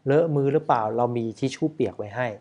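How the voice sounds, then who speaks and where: A man's voice: medium pitch, fast, a little mellow, slightly rough, muffled recording. A man, a wedding photographer, casually talking over footage in a chatty way, often asking rhetorical questions.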